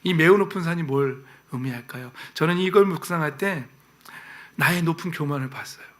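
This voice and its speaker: Man, middle-aged pastor, sermon, slightly high-pitched, emphatic, loud pleas and hushed whispers. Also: fairly quick.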